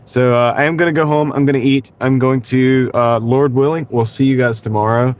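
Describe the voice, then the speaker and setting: Through a wireless clip-on mic, a livestream host talks casually to viewers while parked in his car at night. Congestion makes his mid-range voice nasal and slightly rough; he's brisk with fairly even intonation, rambles, reads chat out loud and keeps chuckling.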